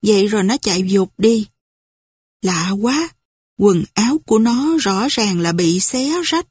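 A woman voicing an older male guerrilla comrade who talks bluntly and roughly. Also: medium pitch, expressive, measured pace, a little mellow, no room sound. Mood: troubled.

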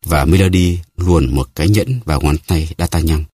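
Deep-voiced husky male narrator. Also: moderate pace, dark tone, no room sound, studio quality. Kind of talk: audiobook narration of a classic novel.

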